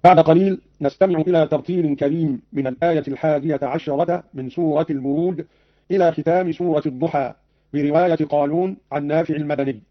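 Radio guy explaining quran readings, formal and precise, kinda high voice, dull dry old sound. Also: steady tone, fast, no room sound. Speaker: radio presenter.

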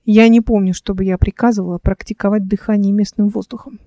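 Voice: medium pitch, steady tone, quick pace, dark tone, dry recording, natural voice. Stern woman captain, done by the audiobook reader, curt and commanding, dry close sound.

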